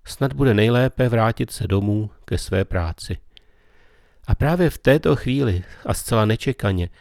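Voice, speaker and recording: A man gives a slow, meditative spiritual talk as a preacher. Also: mid-range voice, creaky, darkish tone, no room sound, clean studio sound.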